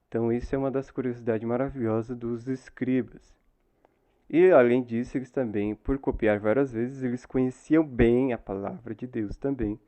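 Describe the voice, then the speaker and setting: Man, Brazilian Portuguese accent, church Bible teacher, warm low-toned voice, explanatory, constant tag questions. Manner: explanatory, tags phrases with frequent "né?". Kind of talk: Bible teaching for new converts.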